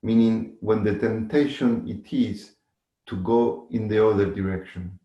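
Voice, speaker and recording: Guy doing guided meditation, really slow and mellow, roomy echo. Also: lowish voice, fairly even intonation, highs cut off. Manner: measured, instructive, with long pauses and gentle repetition. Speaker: meditation teacher. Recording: echoey room.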